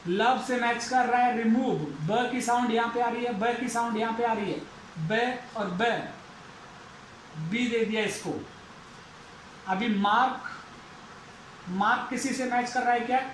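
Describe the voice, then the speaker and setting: A man's voice: very high voice, fairly bright tone, reverberant, slight background noise, rough recording. A man teaching an English lesson, going through it methodically and repeating each step aloud. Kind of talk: explaining a lesson.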